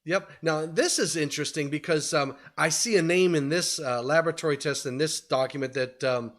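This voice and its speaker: Presenter, man, fifties, loose conversational delivery, slightly higher voice. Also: normal speed. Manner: conversational, many fillers, trails off quietly. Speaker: webinar presenter. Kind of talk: webinar presentation. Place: home study with bookshelves. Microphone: video call.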